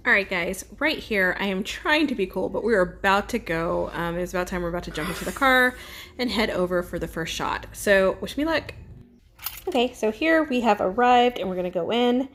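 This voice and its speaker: A woman's voice: mid-range voice, animated, normal speed, fairly bright tone. A young woman chatting casually in a vlog, bubbly and full of fillers. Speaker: vlogger and author.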